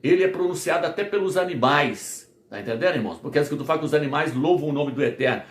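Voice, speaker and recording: A man's voice: a little high, very fast, reverberant. A man preaching a Bible lesson, asking questions and answering them himself with emphasis. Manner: emphatic call-and-response questions. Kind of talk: preaching a Bible teaching video.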